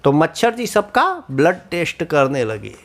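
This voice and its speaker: Slow sing-song man telling a kids' story. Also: fairly high pitch, wildly swooping pitch, fairly bright tone. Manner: asks the children questions, sing-song. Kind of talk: children's story narration.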